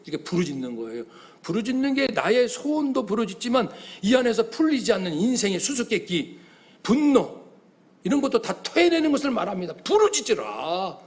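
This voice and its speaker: A male pastor preaching a sermon, acting out young people's cries to God and swinging between loud exclamations and quiet asides. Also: high-pitched, very animated, brisk.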